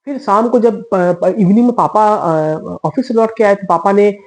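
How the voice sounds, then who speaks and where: A woman's voice: mid-range voice, normal speed, darkish tone, poor audio. A woman telling a personal story in casual conversational style, chatty with fillers and asides to her listeners.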